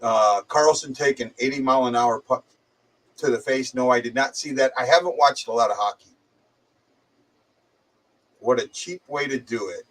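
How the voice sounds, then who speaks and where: A man of middle pitch talks loosely through a muffled, speakerphone-like sound, as if the mic sits some way off. He has a slight head cold. He rambles and often repeats himself as he hosts a casual chat. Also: moderate pace, long pauses, fairly bright tone, distant mic. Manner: rambling, hesitant, stumbling repeats. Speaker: livestream host.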